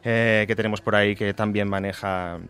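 A man's voice: on the low side, level tone, moderate pace, fairly bright tone, clear, resonant tone, soft background music. A man with a nasal voice and an accent from Spain, chatting casually and jokily as a rambling radio co-host. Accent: Spain Spanish. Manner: jokey, rambling. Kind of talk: casual chat.

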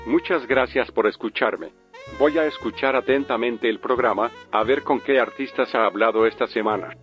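A man voicing a gloomy caller in his sixties through a metallic, robotic-sounding voice, complaining in a flat, bitter deadpan. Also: mid-range voice, moderate pace, faint music behind. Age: 60s. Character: gloomy hopeless older male radio caller.

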